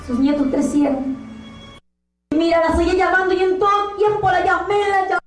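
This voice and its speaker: A woman's voice: extremely high pitch, fairly even intonation, normal speed. A young woman in her late teens giving an impassioned, tearful testimony sermon as a preacher. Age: young adult. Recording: echoey room, voice from far off, faint music behind.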